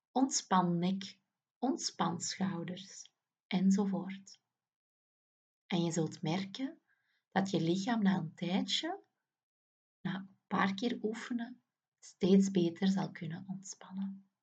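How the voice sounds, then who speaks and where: Slow, soft-spoken woman guide. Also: medium pitch, husky, lo-fi sound. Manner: slow, soothing, often drops to a whisper. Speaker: relaxation exercise guide for children. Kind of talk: guided muscle relaxation.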